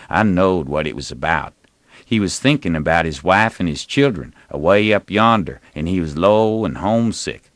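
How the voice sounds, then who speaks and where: A man narrates a novel in the first person, with folksy dialect and a lively, rolling delivery. His voice sits fairly low, and the recording is close and dry with no room sound. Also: dry recording. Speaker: audiobook reader. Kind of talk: dramatic reading of a novel.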